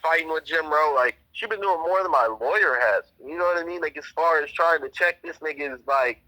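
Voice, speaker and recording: A man's voice: a little high, brisk, bright, forceful tone, rough recording. A young man talking casually and profanely over the phone as a trial witness, rambling and quoting what others said to him.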